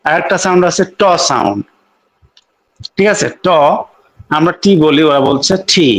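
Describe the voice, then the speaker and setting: A male English teacher giving a lecture, explaining step by step, repeating key sounds slowly and often checking in with his listeners. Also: on the high side, lively intonation, poor audio. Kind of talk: classroom-style lecture.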